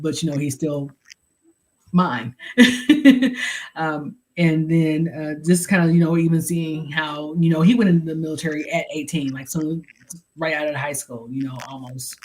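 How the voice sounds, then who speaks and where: A middle-aged woman hosting a podcast, talking casually and reflectively with frequent pauses and fillers. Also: deep voice, a little mellow, poor audio. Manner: reflective, pauses with many ums and you-knows. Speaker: podcast host. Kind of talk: casual chat.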